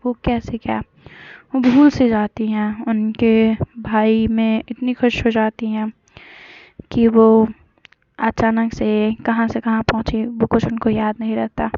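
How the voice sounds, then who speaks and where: A woman's voice: on the high side, little pitch movement, takes it slowly, dry recording. A woman casually retelling a romance story in a hesitant, conversational way with many fillers. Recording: dull lo-fi recording.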